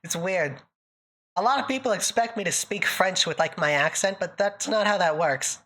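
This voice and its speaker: A woman from northern Canada runs a livestream, answering viewers in relaxed chat and often joking and laughing. She has a thick accent that sounds put-on, and her lowish voice is fairly bright, with a moderate pace.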